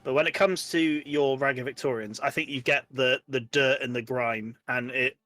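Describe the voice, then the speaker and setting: A man's voice: mid-range voice, fairly even intonation, normal speed, pushed and bright, no echo. A man hosting a podcast in casual chat, rambling with many fillers like "like" and "you know".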